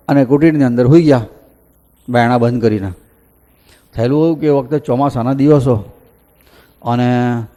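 Mellow-voiced man telling a devotional tale. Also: medium pitch. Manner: animated folksy narration, voicing villagers. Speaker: katha storyteller. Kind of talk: devotional storytelling discourse. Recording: echoey hall reverb.

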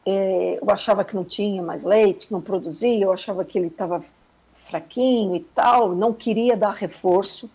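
Woman talking softly on a video call, husky and kinda dark voice, thoughtful storytelling. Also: medium pitch, normal speed, rough recording. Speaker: guest mother. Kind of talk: casual chat.

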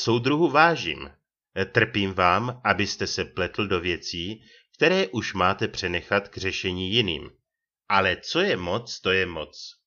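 A man's voice: low voice, sharp tone, highs cut off. A man voicing an indignant, exasperated police first lieutenant who scolds in rising tones.

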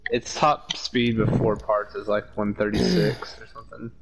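A man's voice: lowish voice, normal speed, slight background noise, poor audio. A man casually explaining car parts to friends during an online game. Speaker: gamer friend. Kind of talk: casual gaming chat.

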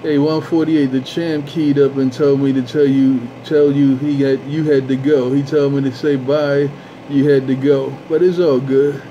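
Man, trucker CB radio chatter, repeated call-outs, dull radio tone, loud hiss. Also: mid-range voice, little pitch movement, moderate pace, hardly any pauses. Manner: repeats his call-outs, drawling sign-offs. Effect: CB radio transmission. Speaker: CB radio operator.

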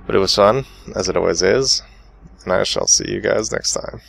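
Male let's play host, low and gravelly, reads text, reacts loudly. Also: normal speed, no echo. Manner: reads game text aloud and reacts with sudden excited outbursts. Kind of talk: casual gameplay commentary.

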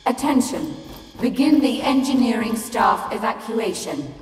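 A cold, robotic facility alarm that keeps warning of an overheating reactor in flat, clipped bursts. Her voice sits a little high and rings out through a long, echoing hall over loud game music. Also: a little slow. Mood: urgent alarm. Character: automated female reactor alarm system, cold and insistent. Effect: echoing public-address announcement.

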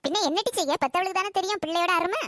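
A woman's voice: very high voice, very fast, no echo. A woman playing a nagging old village mother. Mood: suspicious. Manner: nagging and sharp-tongued. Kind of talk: comedy skit acting.

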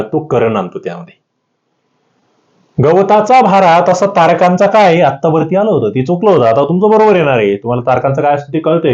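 Animated Marathi man teaching exam prep. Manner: animated, pitch jumping up on key answers. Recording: slightly dull lo-fi audio.

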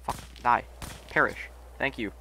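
A man's voice: mid-range voice, measured pace, bright, forceful tone, a little hiss or hum. Swearing young male streamer. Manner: exasperated, swears a lot. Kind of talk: casual gameplay chat with friends.

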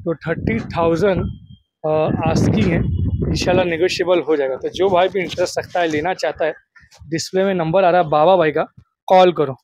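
A man hosting an outdoor goat sale, chatty and upbeat, echoing the seller's answers back in a steady patter. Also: a little high, brisk, a little hiss or hum. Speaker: host of a livestock sale video. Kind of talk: casual on-location interview.

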